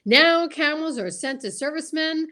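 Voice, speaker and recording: Co-hosting an online show over a video call or livestream, a woman chats casually and reads old radio scripts as a mock announcer, exclamatory and joking. Her voice sits high with a sharp tone, lively intonation and a moderate pace.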